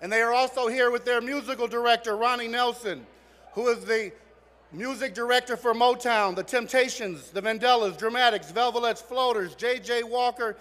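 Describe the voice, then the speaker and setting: A man speaks at a lectern microphone in a big legislative chamber, his voice high-pitched and bright. He reads out names and credits in a formal introduction, and each phrase rings on in the hall's long reverb. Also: normal speed. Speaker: state representative. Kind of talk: formal floor introduction of guests.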